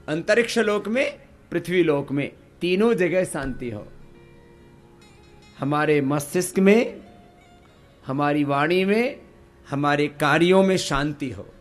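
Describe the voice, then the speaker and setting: A man teaching a yoga class, leading slow chants and having the group repeat after him. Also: on the high side. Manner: slow, drawn-out chanting and call-and-response teaching. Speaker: yoga instructor.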